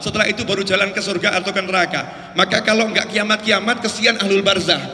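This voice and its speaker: A male preacher giving a lively, casual sermon, telling stories and acting out their voices. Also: high-pitched, fast talker. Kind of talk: lively religious sermon storytelling. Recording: roomy hall reverb.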